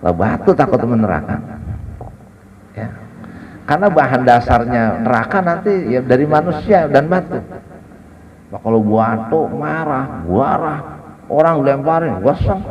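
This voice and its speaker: A man's voice: mid-range voice, animated, measured pace, long pauses, a little hiss or hum. A man giving a casual Ramadan sermon in a mosque, mixing Arabic recitation with chatty, joking storytelling. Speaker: ustadz giving a Ramadan study. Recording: dull lo-fi recording.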